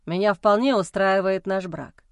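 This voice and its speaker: A woman's voice: medium pitch, measured pace, no echo, natural voice. A woman voicing an irritated adult husband who blames and sneers at his wife. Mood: dismissive. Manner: sneering, accusatory. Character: irritated adult male husband, scornful and blaming.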